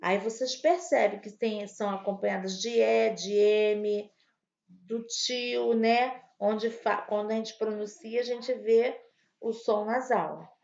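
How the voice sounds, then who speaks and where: A woman teaching an online grammar lesson to young children, slow and patient, spelling out each word. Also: a little high, steady tone, creaky, a little mellow, muffled recording. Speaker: primary school teacher.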